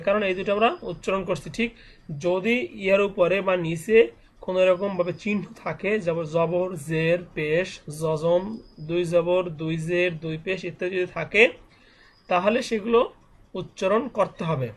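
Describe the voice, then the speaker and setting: A man with a Bangladeshi Bengali accent gives an online Quran reading lesson. His voice sits fairly high, and he moves slowly and methodically, spelling out letter by letter and explaining each vowel sign. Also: fairly even intonation.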